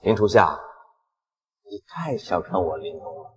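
Gloating, low-voiced movie villain. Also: male voice, lively intonation. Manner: gloating movie-villain menace, drawn-out mocking delivery. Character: smug scheming male corporate villain plotting a takeover. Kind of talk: short-drama acting. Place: large indoor concrete space, garage-like. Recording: long hall-like reverb.

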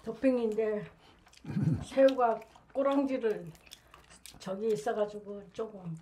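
A woman's voice: on the high side, fairly even intonation, slow pace, warm tone, a little hiss or hum. Middle-aged woman talking with a full mouth. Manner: polite, formal, tasting comments. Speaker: mukbang host, mother. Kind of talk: food review to camera.

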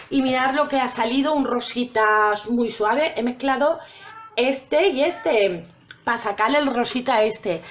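A woman chatting casually to her viewers while trying out makeup. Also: high voice. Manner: chatty, addresses viewers directly. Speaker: makeup vlogger.

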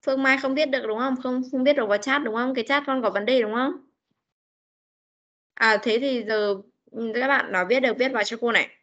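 A woman teaching children English in an online class with a Northern Vietnamese accent, coaxing answers and spelling words out slowly. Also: a little high, fairly even intonation, fairly bright tone. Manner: coaxing, repeats questions, spells letters slowly. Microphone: video call. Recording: dull lo-fi meeting recording.

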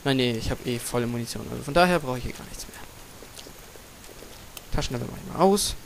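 A man giving gaming commentary, muttering to himself, swearing casually and yelling out repeated words when the action heats up. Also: mid-range voice, a little fast, vocal fry, noisy background. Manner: excitable, yells and repeats words in a rush during fights. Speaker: let's player.

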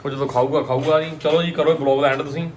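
A Punjabi man with a somewhat high-pitched voice narrates a casual family vlog. He is chatty and teasing and circles back to his points. The phone recording carries slight background noise. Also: fairly even intonation, quick pace. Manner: teasing, chatty, repeats himself. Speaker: family vlogger. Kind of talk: casual home vlog chat. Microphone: phone held by the speaker. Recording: noisy handheld home recording.

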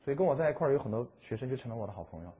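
A man teaching English vocabulary in a chatty exam-prep lecture, drawing English words out slowly. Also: mid-range voice, breathy edge, dull audio. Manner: lively, chatty, stretches English words slowly to model them.

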